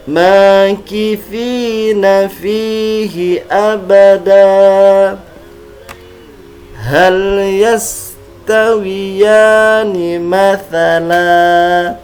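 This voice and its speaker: A male Quran teacher with an Indonesian accent demonstrates melodic recitation, over-enunciating each drawn-out syllable. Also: sits high. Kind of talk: instructional lesson with slow melodic Arabic recitation examples.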